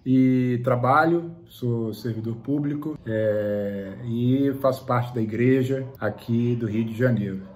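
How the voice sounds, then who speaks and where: Male interviewee, 40s, unhurried and reflective, average pitch. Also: darkish tone. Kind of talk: testimony interview.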